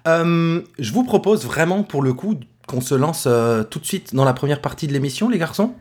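A man's voice: a little high, animated, moderate pace, a little mellow. A man with a regional French accent hosting a casual podcast, joking and restarting his lines. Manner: jokey, laughing, restarts often. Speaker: podcast host.

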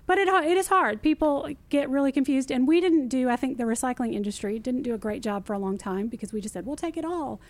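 A woman, a recycling expert explaining things in a casual interview, lively and emphatic, repeating her key phrases. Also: sits high, quick pace, hardly any pauses. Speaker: city recycling guest expert.

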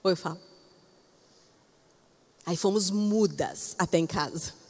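A woman pastor with a Brazilian Portuguese accent preaching a sermon expressively, moving between loud emphasis and soft, hushed passages. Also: lowish voice, slow pace. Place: church. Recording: reverberant church hall.

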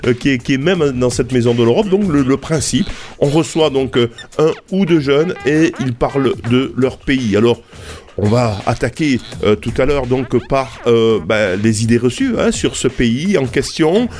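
Chatty radio host, halting delivery. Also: male voice, mid-range voice, expressive, a little mellow, faint music behind. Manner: hesitant, many fillers and restarts. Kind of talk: hosting a radio interview.

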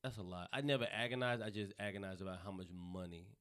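A man from North Carolina with a Southern accent, telling profane, animated stories in a casual podcast chat. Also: deep voice, fast, clean tone.

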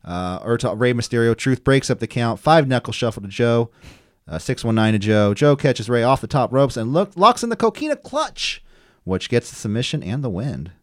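A podcast co-host recaps wrestling results play-by-play, reading from his match notes with lots of ums and uhs in a casual chat. His mid-range voice has a sing-song quality at a moderate pace, recorded dry with clean studio sound.

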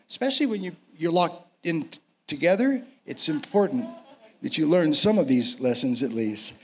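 A man in his sixties with an American accent preaching a sermon, emphatic and repeating phrases for effect. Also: fairly high pitch. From United States. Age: 60s. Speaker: senior pastor, guest preacher. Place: speaking to a church congregation.

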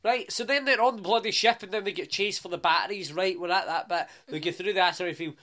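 A man's voice: high-pitched, fast, bright, forceful tone. A young Scottish man co-hosting a podcast, bantering bluntly, teasing and swearing casually while recapping. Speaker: podcast co-host. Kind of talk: casual chat.

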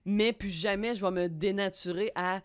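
Québécois woman guest, young, rambling casual chat, middle-pitched voice. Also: steady tone, moderate pace, clear, resonant tone. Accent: Québécois French. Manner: rambling, full of fillers and restarts. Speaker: podcast guest.

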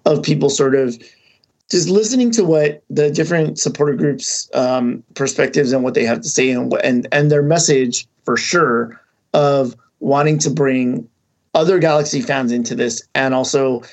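A man's voice: medium pitch, normal speed. A man co-hosting a podcast, talking casually and rambling, with many restarts and fillers. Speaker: podcast co-host. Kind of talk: casual chat.

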